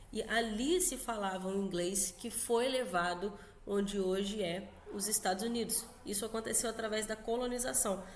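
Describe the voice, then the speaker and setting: A Brazilian woman teaching an online English lesson in a casual, chatty way, often checking in with quick tag questions. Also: medium pitch. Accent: Brazilian Portuguese.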